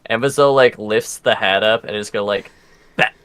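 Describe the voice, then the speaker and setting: A man's voice: lowish voice, normal speed, a bit bright, rough recording. A man talking casually as a player in a tabletop game, describing what his character does.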